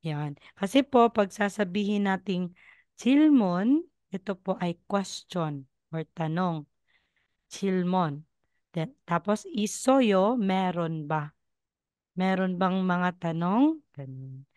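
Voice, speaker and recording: Woman, online teacher, slow, smooth, dry close sound, patient, repeats words. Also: fairly low pitch, darkish tone, no room sound. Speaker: Korean language teacher. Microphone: video call.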